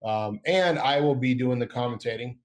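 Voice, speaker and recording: This middle-aged man hosts a laid-back podcast, speaking at medium pitch and a moderate pace. He rambles cheerfully and keeps correcting himself mid-thought.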